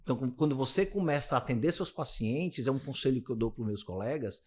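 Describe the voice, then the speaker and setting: A Brazilian physiotherapist in his late fifties, speaking with a Brazilian Portuguese accent, is interviewed as a guest and rambles casually with many restarts. His medium-pitched voice is expressive, fast, darkish, and slightly rough.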